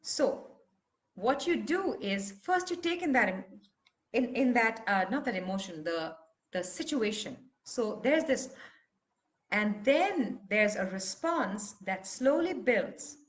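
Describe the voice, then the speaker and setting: A woman's voice: on the high side, expressive, takes it slowly. A woman leading a live online voice workshop, talking students through feelings and breaking into emotive vocal sounds. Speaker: voice teacher.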